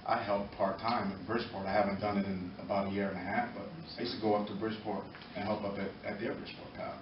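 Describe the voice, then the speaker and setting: In an indoor meeting room far from the microphone, a middle-aged American ex-boxer from Norwalk, Connecticut, offers earnest, unrehearsed testimony for a youth program. His voice is on the low side with a level tone, and he pauses between short, halting phrases. The sound is distant, echoey, muffled and noisy.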